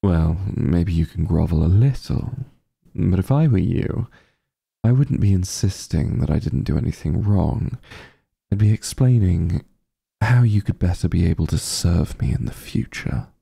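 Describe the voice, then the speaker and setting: A man plays a vain, openly disdainful evil sorcerer king for an ASMR roleplay, his deep voice dark, mellow, gravelly, breathy and heavily creaky. He drawls slowly with pompous, sardonic exasperation, exaggerated and expressive, radiating imperious scorn.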